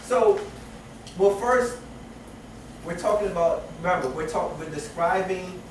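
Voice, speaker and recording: In an echoey room with distant noise, a high-voiced man teaches a class at an unhurried pace. He keeps restarting and repeating phrases and poses rhetorical questions as he lectures.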